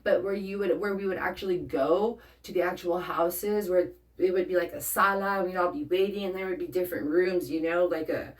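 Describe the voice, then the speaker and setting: A woman's voice: on the low side, fairly quick, hardly any pauses. Blunt, swearing woman tarot reader. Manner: blunt and profane, checks in with "okay?" often. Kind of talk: casual spoken tarot reading to the viewer. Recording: voice a bit far from the mic.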